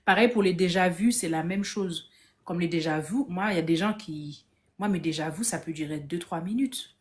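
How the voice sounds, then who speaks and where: Woman telling a story with lively restarts. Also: fairly low pitch, normal speed, slight background noise. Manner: lively anecdotal telling, acts out others' lines, frequent restarts. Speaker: guest on a live discussion. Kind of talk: casual storytelling in a live video chat. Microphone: phone on a live stream.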